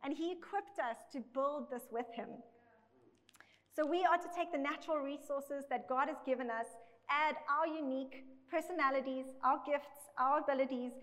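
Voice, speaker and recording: A woman's voice: sits high, normal speed, a bit bright. Woman preaching, echoing through a big hall. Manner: conversational, often checks in with "okay". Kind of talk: sermon. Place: large church hall with a congregation. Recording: echoey recording in a big hall.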